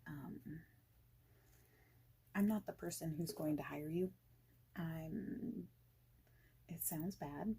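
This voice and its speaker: In an improvised ASMR roleplay, a woman plays a friendly boss interviewing someone for a job. Her low voice is soft, breathy and creaky, often sliding toward a whisper, and she chats in a loose, reassuring, rambling manner.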